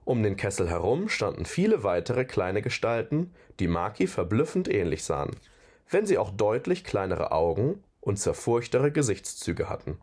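A man with a fairly low voice reading a fantasy novel aloud. His narration is expressive, rising and falling a lot as he tells the story. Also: moderate pace, husky. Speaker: audiobook reader.

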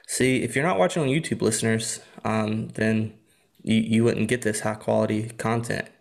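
A young man co-hosts a casual podcast chat in a creaky, lowish voice with a steady tone and normal pace. He laughs often and sprinkles his chatty talk with "like."

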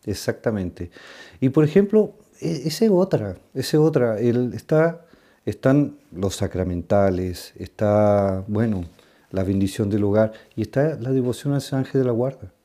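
Mellow-voiced priest chatting on a podcast. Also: male voice, fairly low pitch. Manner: halting, frequent restarts, animated when telling stories. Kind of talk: casual podcast conversation.

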